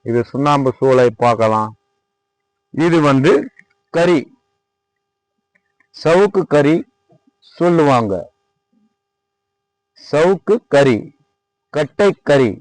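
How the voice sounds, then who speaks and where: In a dry, rough recording, a Tamil Nadu-accented lime maker tours his own workshop at a kiln worksite. His informal sales talk is repetitive and hands-on, and he keeps addressing the viewer respectfully as "sir."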